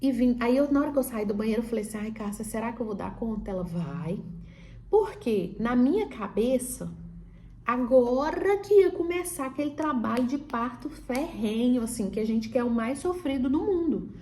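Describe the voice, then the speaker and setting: A woman's voice: on the high side, expressive, moderate pace, mellow, slight background noise. A woman telling a personal story in a casual, chatty way, acting out the dialogue as she goes. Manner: chatty, retells dialogue with many fillers. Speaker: vlogger telling her birth story.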